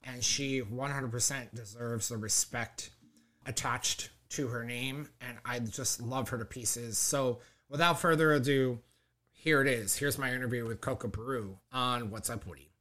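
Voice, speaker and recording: A man's voice: mid-range voice, steady tone, unhurried, pushed and bright. A man hosting a podcast in a conversational, effusive, gushing way. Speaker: podcast host.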